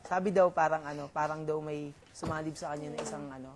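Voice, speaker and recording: A young man with a Filipino accent telling a story in casual chat, halting with many fillers and restarts. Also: a little high, steady tone, background noise. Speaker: reality show housemate.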